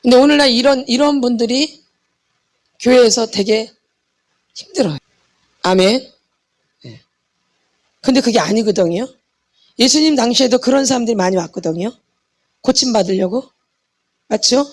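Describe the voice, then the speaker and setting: High-pitched middle-aged woman preaching, fervent, keeps asking the congregation questions. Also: animated, normal speed, pauses often. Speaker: pastor's wife and healing ministry lecturer. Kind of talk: sermon.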